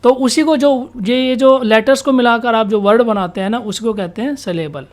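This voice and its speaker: Teaching exam vocabulary, this woman answers her own questions, says important words more than once, and slowly reads out English definitions. Her voice leans high with a somewhat dark tone.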